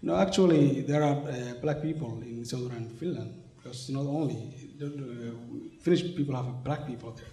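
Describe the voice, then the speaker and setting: A man in his forties from Somalia, speaking for an organization, answers interview questions in English at an indoor conference venue, full of fillers, restarts and hesitation. His medium-pitched voice is mellow, at normal speed with few pauses. Echoey room sound comes through.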